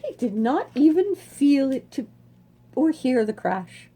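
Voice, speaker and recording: A woman reads a children's storybook aloud in a high, warm voice with big pitch swings. She savors the words expressively, adding dramatic emphasis and pauses.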